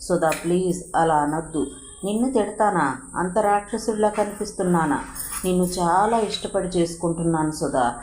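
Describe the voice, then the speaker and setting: Brief: a gentle young man soothing his bride-to-be, read by a woman narrator; low voice, echoey room. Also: normal speed, a little hiss or hum, lightly acted. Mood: coaxing. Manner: coaxing, reassuring. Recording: roomy echo.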